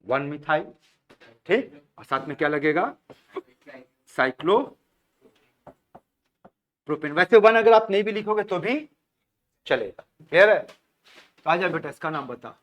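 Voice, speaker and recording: A man's voice: sits high, lively intonation, normal speed, long pauses. A man teaching chemistry in a classroom, coaxing students, repeating their answers back and prompting them by name.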